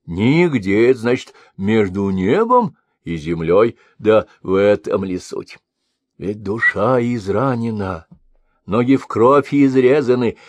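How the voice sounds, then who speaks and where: Brief: cocky young bard, lively swooping delivery, read by a male narrator. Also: fairly low pitch, slow, no echo. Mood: boastful. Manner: lively, boastful storytelling. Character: boastful young male minstrel storyteller.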